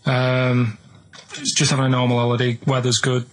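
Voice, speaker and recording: Hesitant man, deadpan. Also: medium pitch, moderate pace, poor audio. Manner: flat, hesitant storytelling with fillers. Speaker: radio show regular. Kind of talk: comic radio banter.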